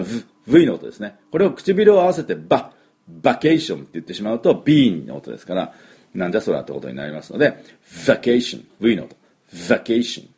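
Speaking low with a darkish tone, a middle-aged English teacher gives a conversational pronunciation lesson. He draws out filler sounds and says example words again for listeners to imitate.

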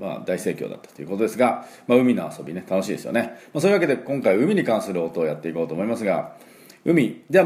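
A Japanese-speaking man teaching English pronunciation, repeating each sound slowly for learners and filling pauses with "um" and "well". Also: deep voice, darkish tone. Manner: frequent fillers "えー" and "まあ". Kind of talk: pronunciation lesson.

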